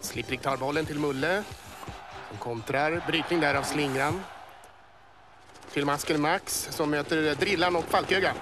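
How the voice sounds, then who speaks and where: A man voicing an excitable male boa snake who commentates a cartoon sports match, working up to yells at the goals. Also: a little high, long pauses, lightly acted. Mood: lively. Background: music.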